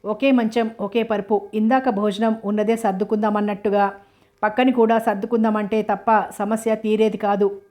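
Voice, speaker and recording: A woman's voice: mid-range voice, level tone, moderate pace, darkish tone, natural voice. Woman reading a playful young bachelor. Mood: teasing. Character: teasing young man Sarma, playful bachelor.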